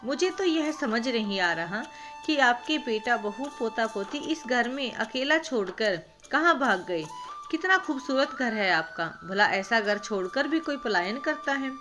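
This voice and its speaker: A woman's voice: a little high, expressive, a little slow. A woman reading a storybook voices a polite, kind-hearted male village thief who speaks respectfully. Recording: background music.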